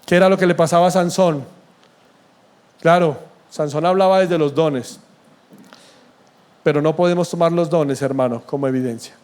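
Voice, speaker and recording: A man's voice: fairly high pitch, normal speed, pauses often, darkish tone. A male pastor preaching a sermon in church, emphatic and blunt, often throwing questions at the congregation. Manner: blunt and sarcastic.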